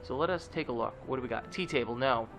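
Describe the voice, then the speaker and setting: Talking quickly in a mid-range voice that's creaky and slightly bright, a man hosts a let's play. He sounds stuffy and nasal, cracking jokes and chatting casually with plenty of fillers.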